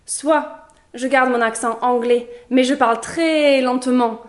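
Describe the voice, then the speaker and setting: Lively young female vlogger, slightly high voice, conversational storytelling. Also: measured pace. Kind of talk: casual vlog monologue.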